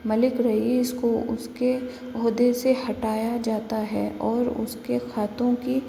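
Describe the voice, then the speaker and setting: A woman narrating a story aloud in a steady reading voice. Her voice sits somewhat high, with a dark, gravelly tone and little pitch movement. The room is echoey with a long reverb, and a faint ambient hum sits underneath.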